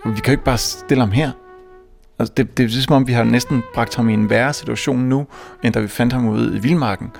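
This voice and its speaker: A young man from Denmark telling a comic story on stage, animated and self-mocking, often stammering and restarting. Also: mid-range voice, creaky, faint music behind. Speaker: stand-up comedian. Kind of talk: stand-up storytelling.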